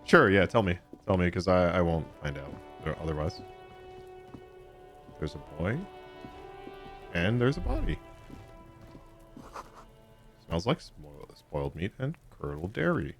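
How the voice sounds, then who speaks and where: A man's voice: low voice, sing-song, a little slow, long pauses, music in the background. A man commentating a let's play stream, reading dialogue choices aloud and laughing often. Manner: giggly, reads choices aloud.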